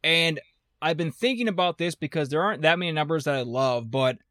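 A man's voice: fairly high pitch, brisk, fairly bright tone, no room sound, studio quality. A man co-hosting a casual sports betting podcast, blunt and teasing, with wry sarcastic jabs at his partner. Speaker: podcast co-host.

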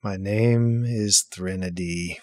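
A man game master voicing a young woman who speaks muffled from inside a closed coffin, quiet and weary. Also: deep voice, fairly even intonation, takes it slowly, no room sound, clean studio sound. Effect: muffled, as if through a coffin lid.

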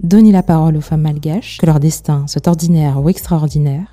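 A woman reading a scripted introduction in a polished, deliberate manner. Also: low-pitched, mellow. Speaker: narrator. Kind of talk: scripted narration.

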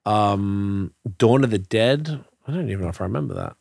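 A man's voice: lowish voice, animated, normal speed, vocal fry, a little mellow, dry recording, studio quality. A man hosting a podcast in casual, crude banter full of slang. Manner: crude, heavy swearing and slang. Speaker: podcast host.

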